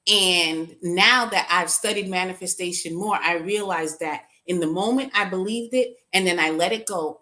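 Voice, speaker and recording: A woman's voice: medium pitch, pushed and bright. A middle-aged woman speaking as an interview guest, telling personal stories in an earnest, reflective way. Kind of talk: conversational interview.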